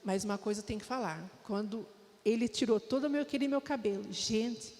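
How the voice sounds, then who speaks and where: In a church hall with a long, lingering reverb, a woman with a Brazilian Portuguese accent gives a heartfelt testimony to the congregation. She talks fairly quickly in a fairly high, slightly mellow voice, narrating her experience and often speaking straight to her audience.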